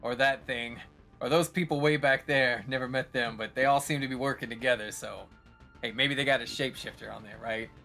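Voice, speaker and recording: A man's voice: medium pitch, steady tone, fairly quick, gravelly, pushed and bright, faint music behind. A man running a tabletop role-playing game as game master, loose and jokey, cursing casually.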